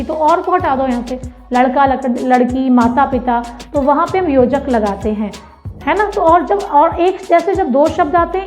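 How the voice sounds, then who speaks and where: High-voiced woman teaching children patiently. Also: darkish tone. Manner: slow, patient explaining with repetitions and questions to the class. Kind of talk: Hindi grammar lesson for children.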